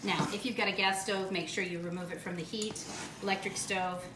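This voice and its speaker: A cooking show host runs a casual demo in her home kitchen, gushing enthusiastically over the food as she cooks and tastes it. Her mid-range voice is steady and brisk, with reverb and background noise.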